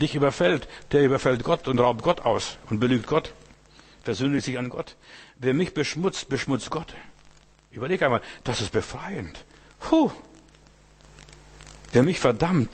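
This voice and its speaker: A man delivers a sermon in a husky, slightly breathy voice of middle pitch. He preaches with insistent repetition, stacking parallel phrases and turning often to the listener to drive each point home. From Asia. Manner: repetitive, emphatic preaching with rhetorical questions to the listener.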